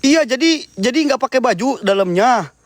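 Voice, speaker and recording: A man's voice: very high-pitched, lively intonation, normal speed, a crowd in the background. A man hosting a night ghost-hunting vlog outdoors, nervously addressing viewers and repeating himself. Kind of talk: excited live night exploration commentary. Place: outdoors at night in a rural area.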